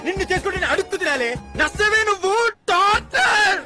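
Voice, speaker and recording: An edgy young policeman who talks very fast and brushes people off. His pitch rises and falls widely, over loud film music. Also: sing-song. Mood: irritable. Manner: irritable, brusque, rapid. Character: harried young policeman hiding a problem at home.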